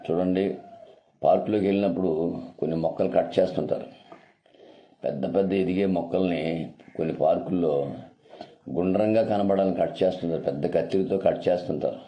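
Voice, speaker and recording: A man's voice: deep voice, fairly quick, long pauses, highs cut off. A male pastor preaching a sermon, emphatic and repetitive, with rhetorical questions put to his listeners.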